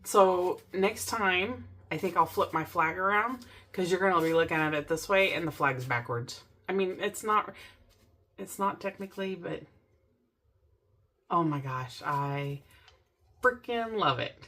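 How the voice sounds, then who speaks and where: Excitable woman hosting a craft vlog. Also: fairly low pitch, measured pace. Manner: gushing, excitable, talks to viewers. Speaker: crafting channel host. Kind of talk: casual DIY tutorial vlog.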